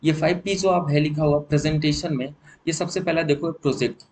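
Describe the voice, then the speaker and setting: A man's voice: on the high side, fairly even intonation, fairly quick, darkish tone, slight background noise, rough recording. A man with an Indian accent teaching a spoken English course in a lesson, explaining step by step, switching between Hindi and English and repeating key points.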